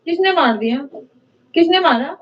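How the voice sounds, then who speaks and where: A woman singer chatting casually with viewers on a livestream from her home. She talks easily with her audience and gently coaxes and soothes small children nearby. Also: extremely high pitch, expressive, normal speed. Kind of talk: casual live chat. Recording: dull lo-fi livestream audio with faint noise.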